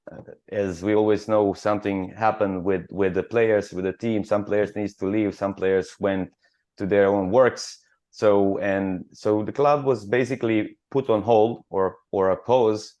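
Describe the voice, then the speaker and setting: Croatian man in his thirties, low voice, halting radio interview answers. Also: a little mellow. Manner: halting, many fillers and restarts, earnest. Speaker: futsal club captain.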